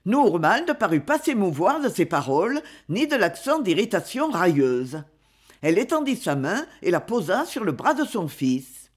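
An audiobook reader narrating a novel in a measured, expressive way. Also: medium pitch.

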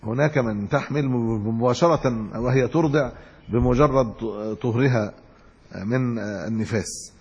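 Unhurried and husky, this man's mid-range, darkish voice carries a religious lesson. As a sheikh teaching hadith, he reads chains of narrators and then explains them in simple terms, restarting at times, on a dull lo-fi recording with long hall reverb.

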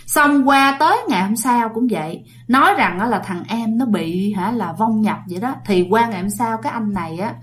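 A woman's voice: fairly high pitch, moderate pace, few pauses. A woman telling a ghost story casually, talking straight to her listeners. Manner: chatty, addresses listeners directly.

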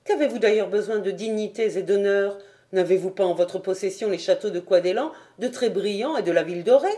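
A woman's voice: mid-range voice, fairly quick, dark tone, natural voice. A woman reading an audiobook voices a sensible noble mother-in-law, speaking firmly and reasonably with raised emphasis. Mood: reproving.

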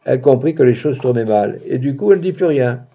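Theatrical male audiobook narrator, husky. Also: lively intonation, fast, muffled recording. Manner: theatrical, swinging from hushed to booming. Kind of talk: dramatic literary audiobook reading.

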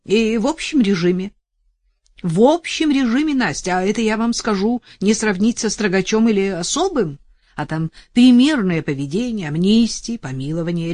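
A woman's voice: medium pitch, a little mellow, dry recording, voice pushed up, lightly acted. A woman reading an audiobook voices a talkative, self-satisfied male lawyer who gushes and then grows irritated and lectures.

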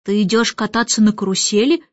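A woman voicing a flustered, courteous middle-aged gentleman who speaks hesitantly in an audiobook. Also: mid-range voice, brisk, no room sound, lightly acted. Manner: hesitant and ceremonious. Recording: muffled audiobook with faint music.

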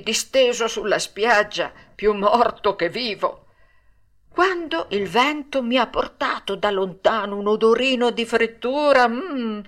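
A woman's voice: on the high side, a bit bright, voice pushed up. A woman voicing a good-natured hungry male dog in a storybook reading, easygoing and kindly.

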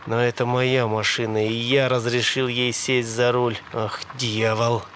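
A man voicing a panicked passenger who pleads and shouts in a frantic way. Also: a little high, moderate pace, vocal fry, a little hiss or hum. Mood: despairing.

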